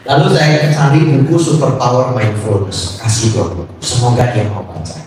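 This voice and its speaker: A man's voice: mid-range voice, moderate pace, darkish tone, a little hiss or hum. A middle-aged man, a Buddhist monk, giving a humorous Dhamma talk with stories and rhetorical questions to his audience. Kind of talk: sermon. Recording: echoey hall, mic at a distance.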